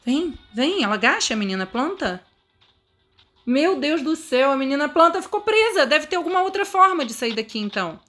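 Excitable Brazilian woman narrating a game. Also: high voice, brisk, faint music behind. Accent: Brazilian Portuguese. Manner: excitable, dramatic exclamations, talks to viewers. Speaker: gaming video creator. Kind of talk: let's-play game commentary.

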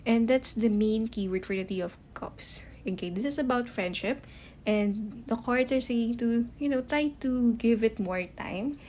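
Woman, tarot reader, high-ish voice, casual to-camera reading, lots of fillers and restarts. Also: darkish tone, slight background noise. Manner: halting, heavy use of "you know" and "um" fillers; admits to stuttering, restarts sentences.

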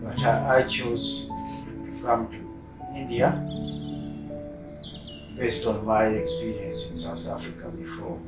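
A middle-aged man from Kenya with a Kenyan accent, giving a personal account in a halting, hesitant way with long pauses. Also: medium pitch, fairly even intonation, rough recording. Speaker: patient giving a testimonial. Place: small hospital room, in bed. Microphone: lapel mic. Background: music.

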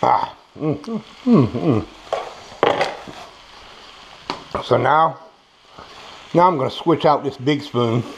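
In a small home kitchen indoors, a man with toothless speech and a medium-pitched voice does a casual, folksy cooking demonstration, letting out savoring murmurs. The audio is dull and noisy, with frying sizzle and clicks behind him.

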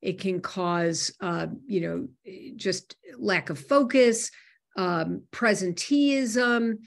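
A woman's voice: medium pitch, very slow, creaky. A woman talks through a money webinar in a mid-range voice. Her delivery is loose and conversational, full of "um" and "you know" and small restarts. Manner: conversational with frequent fillers and restarts. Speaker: host. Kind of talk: webinar talk on personal finance.

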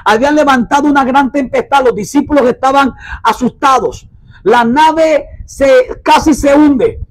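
A man preaching a sermon and reading from the Bible, emphatic, repeating phrases and slowing down to stress words. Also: very high-pitched, low-quality recording. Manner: urges listeners to mark their Bibles.

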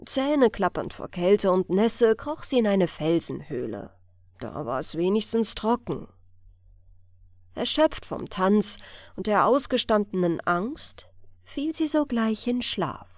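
A woman reading a fairy tale aloud as a bedtime story, soothing and expressive, close to the microphone. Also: mid-range voice, no room sound. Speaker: audiobook reader.

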